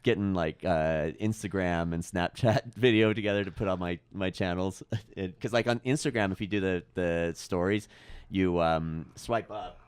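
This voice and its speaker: Low, smooth male co-host; loose, laughing, lots of fillers. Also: normal speed, no echo. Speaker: podcast co-host. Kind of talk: casual chat. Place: radio studio.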